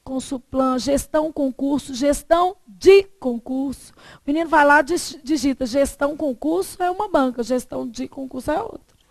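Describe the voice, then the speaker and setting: Brazilian lady teacher going over exam questions, highish voice with some gravel, lively. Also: normal speed, no room sound. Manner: lively, asks the class questions and answers them herself. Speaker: Portuguese teacher. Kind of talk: classroom lesson on exam questions.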